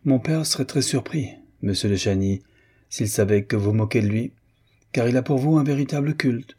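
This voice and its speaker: A man's voice: on the high side, measured pace, warm tone, husky, voice pushed up. A male reader voicing a baroness who speaks in a pointed, half-insolent tone. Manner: pointed, haughty.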